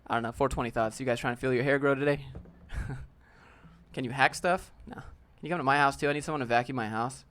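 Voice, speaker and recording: A man's voice: medium pitch, brisk, fairly bright tone. A man in his late twenties with a youthful-sounding voice, hosting a laid-back, joking live Q&A and reading viewer questions aloud. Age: 20s. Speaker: live-stream host. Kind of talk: casual live-stream Q&A.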